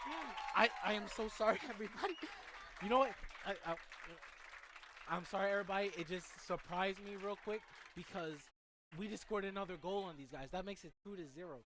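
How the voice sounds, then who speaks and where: A teenage high school student doing excitable play-by-play commentary at a soccer game, rambling into asides for his listeners and out of breath. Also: slight background noise. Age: teens.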